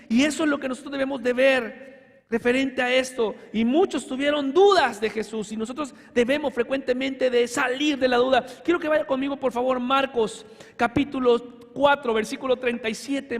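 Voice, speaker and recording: A man preaching a sermon as pastor, fervent, with sudden shouts and slow emphatic lines. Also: very high-pitched. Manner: addresses congregation as hermano, asks for amen. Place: church sanctuary. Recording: hall reverb in a church.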